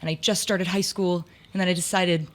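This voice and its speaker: A woman in her twenties with a low voice tells anecdotes about her life in theater during a casual interview. She talks in a chatty, lively way and scatters "like" through her sentences. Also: brisk. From upstate New York. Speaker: theater actor and lighting designer, guest.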